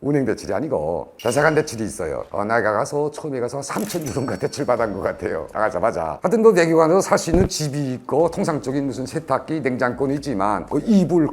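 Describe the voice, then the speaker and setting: A man's voice: on the high side, vocal fry, a little mellow. A middle-aged man with a North Korean accent, a former diplomat, telling stories frankly and animatedly as an interview guest. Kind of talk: casual interview storytelling.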